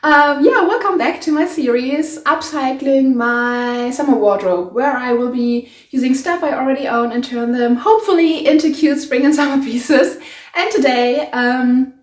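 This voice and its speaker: A woman's voice: sits high, normal speed. A woman with a German accent chatting casually through a sewing tutorial, giggly and full of ums. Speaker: sewing vlogger. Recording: echoey room with soft guitar music.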